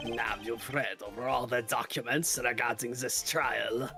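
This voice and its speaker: A stern old villain of a prosecutor from a video game, voiced by a man. He speaks with silky politeness and measured, imperious authority. The voice has a creaky edge, and music plays behind it. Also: mid-range voice, steady tone, voice pushed down. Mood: silky, polite menace. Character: stern, haughty sixty-year-old male legendary prosecutor and villain mentor. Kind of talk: video game voice-over read aloud.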